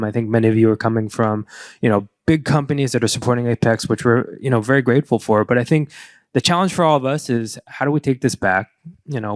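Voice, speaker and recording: A man's voice: medium pitch, no echo, studio quality. A man moderating a panel discussion, giving earnest closing remarks that rally the room, with many fillers.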